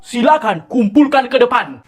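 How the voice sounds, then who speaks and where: A woman's voice: a little high, expressive, normal speed, music in the background, voice pushed down, close to an everyday voice. A woman playing a stern female schoolteacher who scolds her pupils in a comedy skit. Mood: scolding. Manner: bossy, scolding. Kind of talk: comedy skit role-play.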